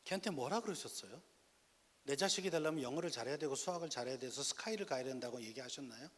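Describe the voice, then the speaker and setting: A man's voice: medium pitch, fast talker. A middle-aged male pastor lecturing parents in a church hall, telling stories and appealing directly to his listeners. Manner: lively storytelling with direct appeals to the audience.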